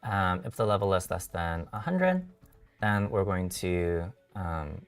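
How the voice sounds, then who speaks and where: A man who is a software engineer, hosting a tutorial stream and explaining code step by step, halting with many fillers and self-corrections, his voice a little worn. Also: deep voice, animated, distant mic, soft background music. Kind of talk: live-coding tutorial walkthrough.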